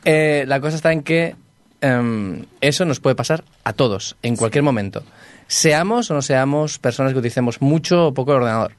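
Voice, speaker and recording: A man co-hosting a casual podcast, explaining everyday scams in an earnest, deliberate way with fillers. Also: medium pitch, no room sound. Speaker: podcast co-host. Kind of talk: casual chat.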